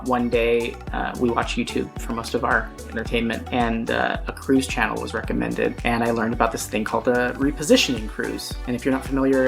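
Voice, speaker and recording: A man in his thirties from the United States hosting a family vlog, explaining things in a relaxed way with light laughs. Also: mid-range voice, vocal fry. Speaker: vlog host, father. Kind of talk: casual family vlog talk.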